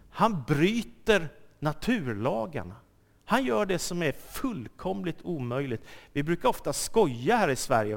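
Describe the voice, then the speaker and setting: Male preacher, slightly high voice, dramatic storyteller, long hall reverb. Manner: dramatic storytelling, swings from loud acted quotes to soft asides. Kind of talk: sermon.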